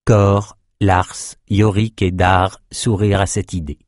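Male audiobook narrator, low, measured, dry booth sound. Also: little pitch movement, a little mellow, no echo.

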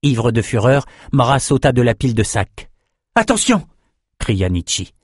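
A man narrating a fantasy audiobook in a steady, measured way. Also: mid-range voice, husky, no room sound, studio quality.

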